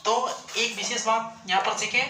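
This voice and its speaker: A man's voice: sits high, little pitch movement, normal speed, pushed and bright, a little hiss or hum. A male chemistry teacher lecturing a class, asking questions and answering them himself and repeating each point. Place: classroom with students. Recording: echoey classroom with student chatter.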